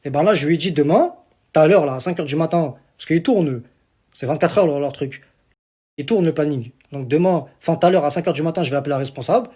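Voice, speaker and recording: A man's voice: on the high side, fast, mellow, breathy edge. A young man from Algeria ranting boastfully in a casual vlog, repeating himself and swearing oaths, recorded on a phone. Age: young adult. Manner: boastful, repetitive swearing on the Quran. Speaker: social media personality.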